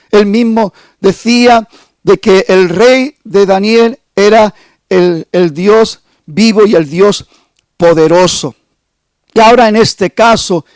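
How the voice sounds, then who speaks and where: A man's voice: high voice, darkish tone, no echo, rough recording. A male pastor preaching a sermon, stressing key phrases emphatically.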